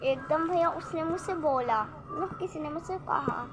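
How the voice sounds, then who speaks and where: A young woman vlogger telling a rambling, excitable story about her day in casual chat. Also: sits high, normal speed, background noise. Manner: rambling, restarts often, excitable retelling.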